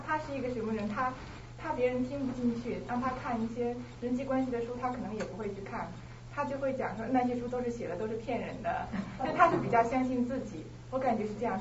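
A married woman sharing about her husband in class, hesitant with many pauses. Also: on the high side. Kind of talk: personal testimony sharing. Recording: roomy, distant, lo-fi with noise.

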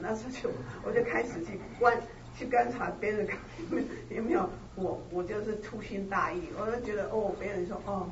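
Distant woman sharing hesitantly in class. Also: medium pitch. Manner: halting, many restarts, soft-spoken. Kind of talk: personal testimony sharing. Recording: roomy, distant, lo-fi with noise.

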